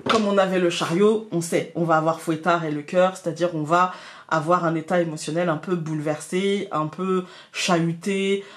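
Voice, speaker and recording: A tarot card reader from France with a Picard accent gives her viewers weekly card reading guidance, addressing them directly. Her fairly low voice keeps a steady tone at a moderate pace, with many hesitations and restarts, and the sound is roomy.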